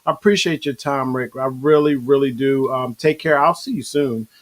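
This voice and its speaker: A man hosting a casual interview show, speaking in halting, circling phrases with frequent pauses. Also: medium pitch. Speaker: show host.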